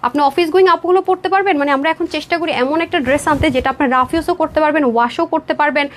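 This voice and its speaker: A woman from Bangladesh hosting a live online sale, talking viewers through dresses in a quick, persuasive patter. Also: sits high, a little hiss or hum. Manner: rapid persuasive patter, addresses viewers as sister, mixes English words. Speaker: online clothing seller on a live stream. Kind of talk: live sales pitch. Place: indoor room with a door, modeling a dress.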